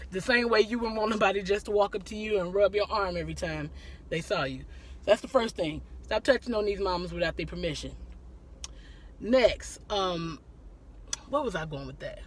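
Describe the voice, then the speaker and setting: A woman's voice: mid-range voice, normal speed, a little hiss or hum. Chatty leaning woman hosting a live stream. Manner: laughs often, greets viewers by name mid-talk. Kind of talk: casual live-stream chat answering viewer questions.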